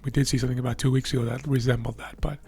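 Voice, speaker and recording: A trading educator gives live market commentary over a chart screen, calmly explaining things and often checking in with "right?". His hoarse, worn voice sounds like he's losing it, though he speaks at a racing pace with medium pitch. Soft music plays in the background.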